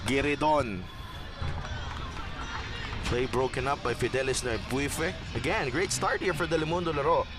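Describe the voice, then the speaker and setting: A man calls a football match live as play-by-play commentator. His mid-pitched voice sits over loud music in an outdoor stadium. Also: normal speed, pauses often.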